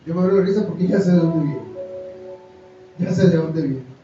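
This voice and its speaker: A pastor preaching a sermon, firing rhetorical questions and reading scripture aloud. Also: male voice, on the high side, fairly quick, warm tone, faint music behind. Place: church hall. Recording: distant echoey church recording, dull.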